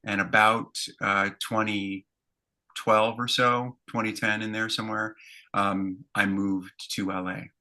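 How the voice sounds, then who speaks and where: Bright-voiced man in his fifties. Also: on the low side, flat delivery, takes it slowly. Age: 50s. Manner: reflective, detailed, with many fillers. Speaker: interview guest, stage performer. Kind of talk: conversational storytelling.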